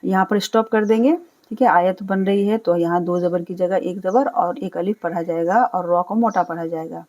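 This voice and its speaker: A woman teaching Quran recitation, spelling out letters and vowels, then chanting each word slowly and drawn out, with patient explanations. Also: fairly low pitch, fairly even intonation, a little mellow. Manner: explains rules patiently, often checks with a quick "okay". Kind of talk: step-by-step recitation lesson.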